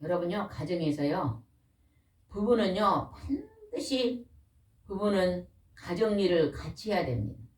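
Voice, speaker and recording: A middle-aged woman preaching a sermon in a small church. She questions the congregation and waits for answers, and she slows down to stress key words. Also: on the low side, lively intonation, darkish tone. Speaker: pastor's wife preaching. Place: small church or worship room. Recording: roomy echo, voice from a distance.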